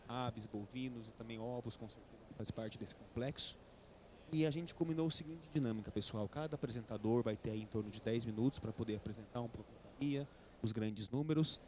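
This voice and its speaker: A man moderates a panel discussion at an event, speaking into a stage microphone. His pitch sits in an ordinary middle range and his manner is upbeat and welcoming as he greets the guests. A faint room ambience stays under his voice. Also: darkish tone, slight background noise. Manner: upbeat, hosting, thanking guests by name.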